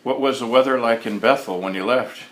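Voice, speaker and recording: A male interviewer asking curious, halting questions with frequent fillers. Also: medium pitch, fairly bright tone. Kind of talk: casual interview. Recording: echoey room with faint ambience.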